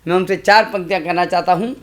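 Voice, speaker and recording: A man's voice: sits high, fairly even intonation, fast talker. A man in his sixties, a comic poet reciting humorous verse on stage, repeating lines and making chatty asides to the audience.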